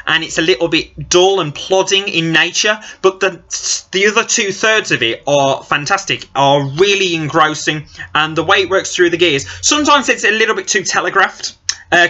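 A young adult man gives a casual film review into a webcam from a small, cluttered indoor office, speaking earnestly, gesturing, and hedging often with "I think." His voice is fairly high, bright and forceful. The built-in webcam mic at desk distance yields dull, lo-fi audio.

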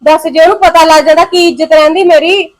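A woman's voice: extremely high pitch, fairly even intonation, fast. An actress playing a scolding village mother who cares about family honor, speaking with a Punjabi accent. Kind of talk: short film drama acting.

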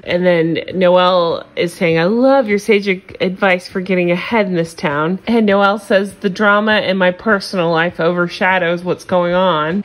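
A woman's voice: medium pitch, a bit bright. A woman with a standard American accent giving a casual, gossipy, opinionated recap of a reality show. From United States. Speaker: TV recap host.

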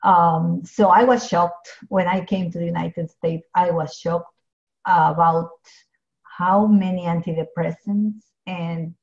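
A middle-aged woman from Ecuador speaks. Her voice sits a little low. She talks earnestly, with fillers and restarts, through dull, lo-fi video call audio from a home office. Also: steady tone, slow pace, darkish tone. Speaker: pharmacist guest.

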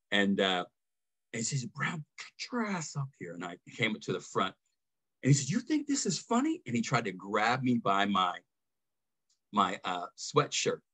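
A man's voice: fairly low pitch, fairly bright tone. A man, an army veteran, casually telling a story from his service in a conversational way with chuckles between lines.

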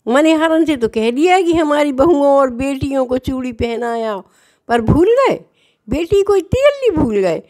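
A woman voicing a divine young girl who gently reproaches her adoptive father in a devotional story. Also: big pitch swings, a little slow. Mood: hurt reproach. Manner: high pleading reproach.

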